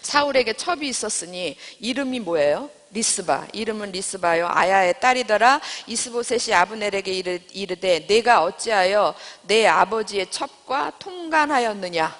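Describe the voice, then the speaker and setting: A woman's voice: mid-range voice, lively intonation, moderate pace, few pauses, fairly bright tone. Woman teaching bible class at church, keeps asking the room questions, voice rings out in a big hall. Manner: asks the class questions and paraphrases scripture in everyday speech. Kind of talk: Bible study lecture.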